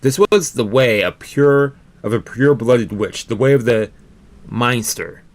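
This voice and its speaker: A man live-streams a read-aloud of a visual novel with game music in the background, narrating and reacting casually. He speaks unhurriedly at a medium pitch, occasionally stumbling over words and slipping into offhand asides.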